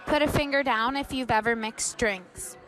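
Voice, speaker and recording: A woman reading out challenge prompts in a quick, upbeat way. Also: on the high side, fairly bright tone, some chatter behind.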